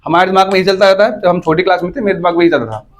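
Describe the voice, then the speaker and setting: Guy teaching a grammar class, fairly high voice, keeps asking "clear?" and going over stuff again. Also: rapid-fire, crowd noise. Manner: keeps checking whether students follow, repeats points. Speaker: English teacher. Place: classroom with students.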